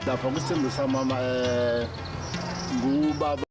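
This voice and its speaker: Man, South African accent, medium pitch, halting delivery, off-mic, loud music behind. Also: fairly even intonation, recorded from a distance, over a noisy crowd. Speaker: actor. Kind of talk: interview to camera.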